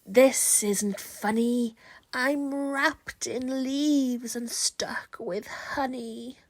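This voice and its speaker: Woman voicing a slow, menacing wizard lizard villain. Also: on the high side, steady tone, no echo. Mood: grumpy. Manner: commanding, slow and drawn-out. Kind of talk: children's storybook villain.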